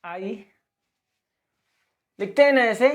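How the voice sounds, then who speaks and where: A man from Bihar, India, takes his time through a classroom-style video lesson, quizzing with questions he answers himself. His voice is high-pitched with lively intonation.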